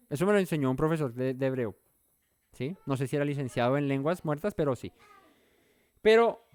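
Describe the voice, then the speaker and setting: Smooth-voiced man teaching Bible study. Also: fairly high pitch, no room sound. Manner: keeps asking the listeners questions; conversational, thinks aloud.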